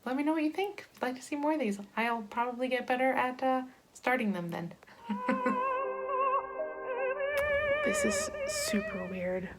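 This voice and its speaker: A woman's voice: high voice, fast, few pauses. A young woman, a music student, chatting giddily in a casual vlog from a large empty practice hall. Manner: giddy, chatty, laughing often. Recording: echoey hall with faint room noise.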